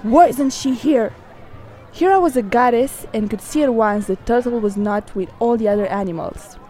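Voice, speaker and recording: A woman narrating a folk tale in a clear, measured storybook reading. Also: a little high, dark tone.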